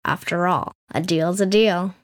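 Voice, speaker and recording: A woman voicing a wry, wistful female sea witch with a serpent's tail, speaking in a knowing, gently teasing way in a storybook reading. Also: fairly low pitch, fairly even intonation, unhurried, no room sound, studio quality, pitched below the performer's own voice, natural voice.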